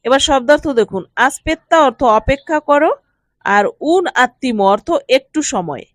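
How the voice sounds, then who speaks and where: A woman with a Bengali accent teaching a language lesson, saying each phrase slowly twice and then explaining its meaning. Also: high voice, expressive, no echo.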